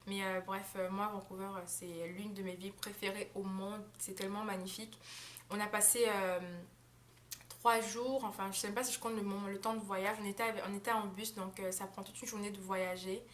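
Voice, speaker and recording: A woman's voice: medium pitch, flat delivery, fairly quick, a little hiss or hum. A young woman au pair chatting in a casual vlog, talking freely with many fillers and restarts and laughing often. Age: young adult. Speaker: au pair vlogger. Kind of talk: casual monthly recap vlog. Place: home in the United States.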